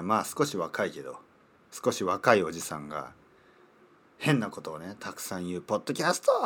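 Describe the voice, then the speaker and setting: Male podcast host, 30s, low-ish voice with lots of pitch movement; joking, meandering, repeats himself while searching for words. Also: sharp tone. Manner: playful and rambling, repeats words while thinking aloud. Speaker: podcast host teaching Japanese. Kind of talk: casual solo podcast talk.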